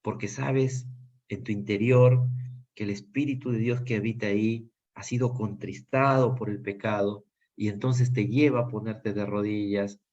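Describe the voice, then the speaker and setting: Man, Peruvian Spanish accent, Bible class teacher, earnest, halting, dull lo-fi sound. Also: lowish voice, fairly even intonation, darkish tone. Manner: earnest, many fillers and restarts. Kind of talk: Bible study lesson.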